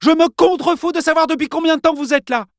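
Une mère de famille furieuse et vulgaire qui hurle ses reproches d'une voix haut perchée, jouée par un homme dans un livre audio. Le son est sec et proche. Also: male voice, extremely high pitch, brisk, creaky, fairly bright tone, no echo, studio quality, voice pushed up, heavily acted. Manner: crie, invective, parle cru. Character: mère furieuse, femme d'âge mûr, grossière et combative.

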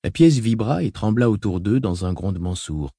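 A man narrating an audiobook in a measured, dramatic reading style. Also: lowish voice, expressive, mellow, breathy edge, dry recording, studio quality.

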